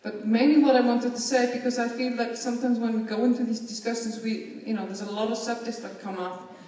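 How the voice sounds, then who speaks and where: A woman's voice: on the high side, steady tone, a little fast, warm tone, a little hiss or hum. A woman from Iceland, speaking earnestly as a panelist and often repeating words while she thinks. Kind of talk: panel discussion remarks. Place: conference hall. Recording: echoey hall, distant mic.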